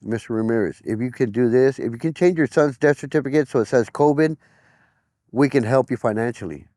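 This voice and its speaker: A man's voice: mid-range voice, brisk, warm tone, dry recording, clean studio sound. A middle-aged man giving personal testimony in an interview, plain-spoken, often retelling conversations as quoted dialogue.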